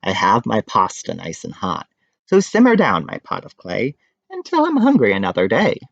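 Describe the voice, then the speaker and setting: A man's voice: on the low side, wildly swooping pitch, normal speed, vocal fry, no room sound, muffled recording, heavily acted. A man voicing a big, carefree, simple young man in a storybook folktale, singsong and exclaiming.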